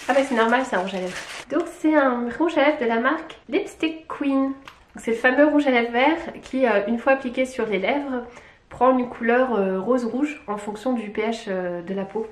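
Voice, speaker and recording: A woman from Lyon chatting casually through an unboxing, excitable and gushing, with little squeals and exclamations. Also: fairly high pitch, normal speed. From Lyon, France. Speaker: beauty vlogger. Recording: echoey room.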